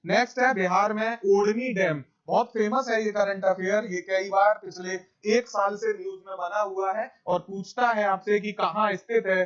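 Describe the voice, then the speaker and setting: A man's voice: high voice, fairly bright tone, lo-fi sound. A man giving a current affairs exam lecture over slides, repeating key facts and calling his viewers friends. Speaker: exam coaching teacher.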